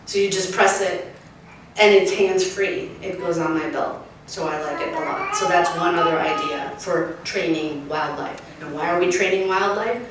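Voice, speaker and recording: A woman urban wildlife specialist giving a lively, emphatic outdoor talk, often checking in with her listeners. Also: fairly low pitch. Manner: lively, emphatic, keeps asking the crowd "right?". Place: outdoors at a nature center. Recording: echoey, distant, faint noise.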